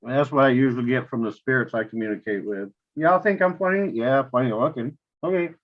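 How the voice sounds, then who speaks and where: A woman's voice: very deep voice, a little fast. An American woman chatting in a folksy, casual way on a live stream. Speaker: co-host of a live spirit box session. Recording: dull lo-fi stream audio.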